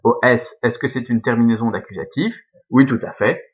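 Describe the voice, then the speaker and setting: A man's voice: mid-range voice, normal speed, phone-quality sound. A man teaching a Latin grammar lesson, explaining patiently step by step and checking in with his students.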